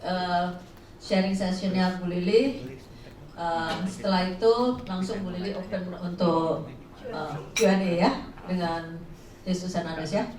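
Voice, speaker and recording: Low-voiced woman moderating a webinar. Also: fairly even intonation, unhurried, a crowd in the background. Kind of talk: moderating, introducing speakers. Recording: roomy, distant, noisy call audio.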